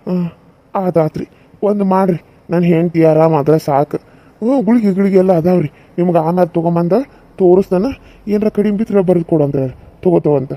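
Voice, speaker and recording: A man's voice: sits high, a little fast, mellow, close to an everyday voice. A man voicing an anxious village husband and father with a North Karnataka Kannada accent, who calls out urgently for help.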